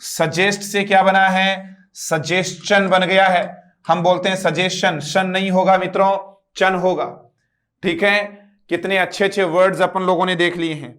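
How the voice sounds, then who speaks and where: A man teaches English in an online lecture, his high voice moving little in pitch at a normal speed with a fairly bright tone. He spells words letter by letter and prompts students to repeat, going over words again and asking rhetorical questions.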